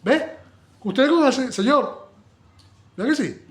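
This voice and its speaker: Animated, high-pitched preacher. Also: male voice, slow. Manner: animated, acts out little dialogues, shifts between loud exclamations and soft asides. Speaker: Bible study teacher. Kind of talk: Bible study sermon.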